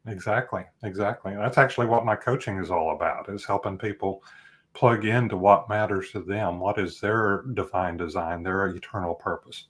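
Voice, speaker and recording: A man's voice: low-pitched, moderate pace. A middle-aged man from Texas, a life coach guest speaking earnestly and reflectively in a casual interview. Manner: earnest, reflective, with many fillers.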